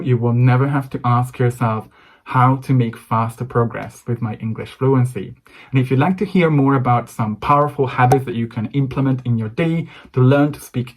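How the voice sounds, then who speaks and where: A young man who speaks Hungarian natively gives an encouraging English lesson straight to camera, with a Hungarian accent. His voice is mid-range and a little mellow, and as an English coach he addresses the viewer directly.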